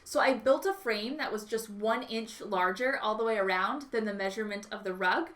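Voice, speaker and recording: A woman's voice: medium pitch, moderate pace, fairly bright tone. A woman hosting a home makeover vlog with upbeat, enthusiastic, gushing DIY narration.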